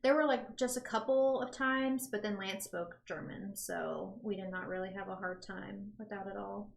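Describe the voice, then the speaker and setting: Creaky-voiced woman, standard American accent, roomy sound. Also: mid-range voice, steady tone, moderate pace. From United States. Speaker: podcast co-host. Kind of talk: casual chat. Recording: roomy, echoey indoor sound.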